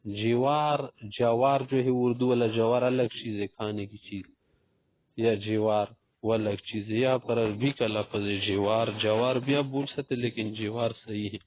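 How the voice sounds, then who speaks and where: Male language teacher, deliberate and repetitive, dry narrow-band recording. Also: lowish voice, steady tone, no echo. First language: Urdu. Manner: slow, repeats example phrases for learners. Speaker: Arabic teacher. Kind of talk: language lesson. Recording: dry, phone-like audio.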